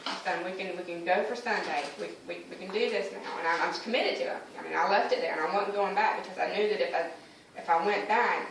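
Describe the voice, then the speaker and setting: A church member shares her personal testimony conversationally, voicing her exchanges with God in a fairly low-pitched voice. The distant mic makes her sound roomy and very echoey, with a faint hiss underneath.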